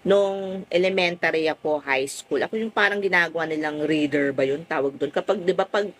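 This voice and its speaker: A middle-aged woman from the Philippines with a full, loud voice, chatting casually while selling on a phone live stream from home. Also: low voice, normal speed, low-quality recording. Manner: chatty, lively, fond of "o, di ba?".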